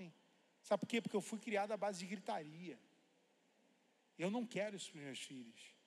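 A man's voice: high voice, a little hiss or hum. A man preaching as pastor at a church service, reading scripture emphatically and telling chatty stories to the congregation. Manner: chatty storytelling with asides to the congregation. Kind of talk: sermon. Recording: reverberant church hall.

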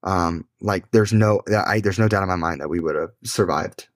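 A man telling an adventure story in a casual, excitable way, swearing and saying "dude" often, as an interview guest. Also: low voice, moderate pace, no echo, studio quality.

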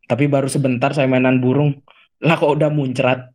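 A man's voice: medium pitch, flat delivery, fairly quick, a little mellow. A man bantering playfully, full of teasing innuendo, in an improvised comedy skit.

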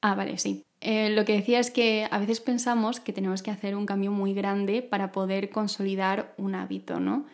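A woman's voice: medium pitch, little pitch movement, moderate pace, few pauses, a little mellow. Woman with a throaty guttural R. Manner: informal, explanatory, addresses listener directly. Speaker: podcast host. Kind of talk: conversational self-improvement monologue.

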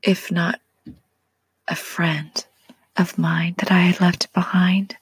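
Woman, 40s, low gravelly whisper, gentle devotional ASMR-style guide. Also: level tone. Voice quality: breathy whisper. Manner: slow, soft and prayerful, speaks directly to the listener.

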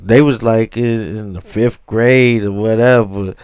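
A man's voice: lowish voice, fairly even intonation, a little mellow, smooth, dry recording, lightly acted. A man doing a tipsy rambling old uncle. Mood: rambling, grumbling. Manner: rambling, slurred slang, drawn-out storytelling. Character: tipsy rambling older uncle, nostalgic and grumbling. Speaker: comic character on a podcast.

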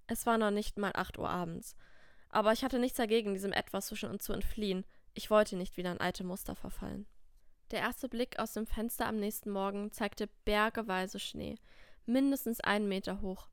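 Smooth-voiced woman reading a story. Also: mid-range voice, moderate pace, no room sound, studio quality. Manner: steady first-person reading. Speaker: podcast host and author reading her story. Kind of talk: scripted storybook narration.

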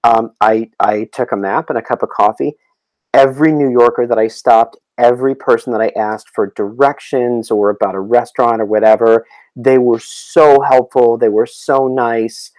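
Halting man guest with a dry sound. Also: medium pitch, fairly even intonation, darkish tone, dry recording, poor audio. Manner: halting, many fillers and restarts, storytelling. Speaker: podcast guest. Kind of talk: casual podcast interview.

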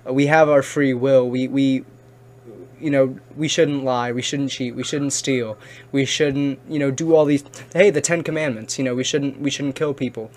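Young male co-host, mid-range voice, halting and repetitive. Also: medium pitch, steady tone, a little mellow. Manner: halting, repeats words, many "you know"s. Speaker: podcast co-host. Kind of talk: casual chat.

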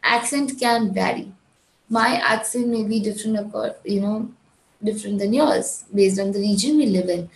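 A Gujarati-accented Indian woman tutors IELTS speaking in a direct, firm style, driving home key points through repetition. She speaks at medium pitch and a moderate pace, and the recording is rough and reverberant.

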